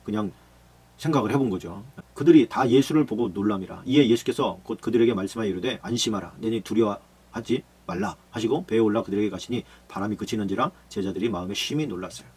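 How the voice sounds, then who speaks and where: A man, a pastor, giving a lively Bible study lecture and acting out the scenes he explains. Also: lowish voice, fast talker, breathy edge. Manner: animated, acts out disciples and Jesus in shouted voices.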